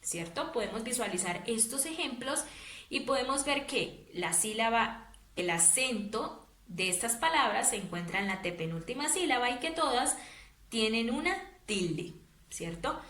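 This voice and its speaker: A woman's voice: a little high, pushed and bright. A woman teacher giving a patient grammar lesson for young pupils, often checking in with short tag questions. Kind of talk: classroom grammar explanation. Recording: echoey room.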